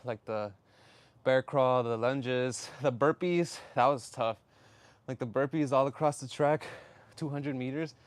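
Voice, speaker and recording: A man's voice: medium pitch, unhurried, no echo. A man chatting casually on a workout livestream in a slangy, upbeat way. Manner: upbeat shout-outs to viewers, slangy. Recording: clearly noisy live stream with clicks.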